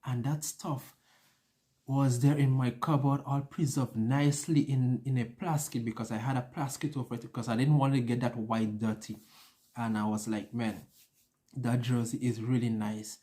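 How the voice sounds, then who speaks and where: This vlogger is a young adult from an island whose voice is medium-pitched, level, and warm, at a moderate pace. He tells personal stories casually to his viewers and acts out the conversations.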